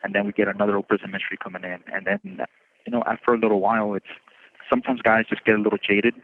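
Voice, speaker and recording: Low-voiced man on a tinny prison phone line, steady and plainspoken in an interview. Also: racing. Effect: heard over a prison phone line. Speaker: incarcerated student. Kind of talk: interview answers.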